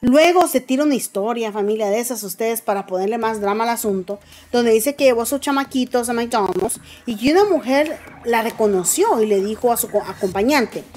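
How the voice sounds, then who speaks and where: Woman gossip host, fairly high voice, theatrical and mocking delivery, faint music bed. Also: expressive, a little fast, hardly any pauses, a little mellow. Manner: dramatic, mocking, calls her viewers "familia". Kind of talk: gossip commentary.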